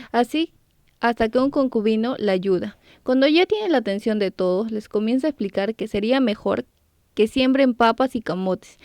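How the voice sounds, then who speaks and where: A woman's voice: fairly high pitch, a little mellow, no echo. A woman narrating a story recap, lifting her voice on character names. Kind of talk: scripted narration.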